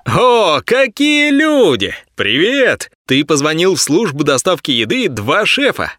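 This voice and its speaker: A man's voice: on the high side, huge pitch swings, measured pace, fairly bright tone, dry recording, clean studio sound, faint music behind, pitched above the performer's own voice, full character voice. A man voicing a cheery, chummy young male phone greeter in a playful sing-song recorded telephone greeting. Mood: jolly.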